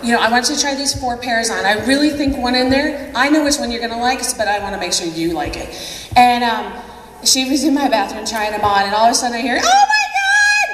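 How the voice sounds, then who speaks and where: Woman convention speaker, fairly high voice, chatty and laughing, picked up from a distance in a big echoing hall. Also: fast, background noise. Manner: chatty, laughs often, acts out quotes. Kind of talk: motivational speech. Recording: echoey hall from a distant mic.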